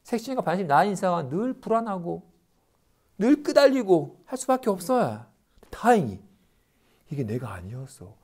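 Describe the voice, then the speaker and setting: Buddhist monk lecturing in an animated way, his pitch swinging widely as he acts out little complaints. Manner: animated, acts out everyday complaints in quick asides. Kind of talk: dharma lecture.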